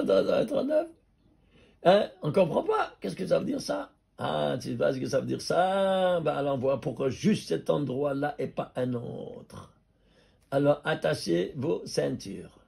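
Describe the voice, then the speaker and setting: A man, a rabbi, teaching an animated Torah class, pressing his listeners with rhetorical questions and chuckling with excitement over number calculations. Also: on the high side, gravelly, breathy edge.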